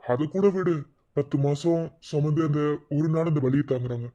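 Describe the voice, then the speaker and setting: A man lightly acts the part of a young son-in-law in a cartoon, a calm, protective character who comforts the family soothingly but turns stern and firm when needed. His voice is on the high side with a dark tone at normal speed, and the audio is dull.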